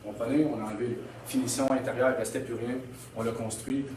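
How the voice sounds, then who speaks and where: A man's voice: medium pitch, steady tone, fast, a little mellow, echoey room, recorded from a distance, slight background noise. A man with a Québécois French accent preaching a sermon as pastor, emphatic, often calling out "Amen?" and laughing. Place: church hall.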